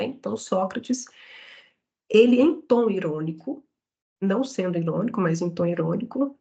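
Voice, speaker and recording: A woman's voice: medium pitch, vocal fry, a little mellow, lo-fi sound. A woman leads a psychology study-group lesson. Her voice sits in a middle range, and she explains point by point, often ending a phrase with a small questioning tag. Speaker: psychology lecturer. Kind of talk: online study-group lecture.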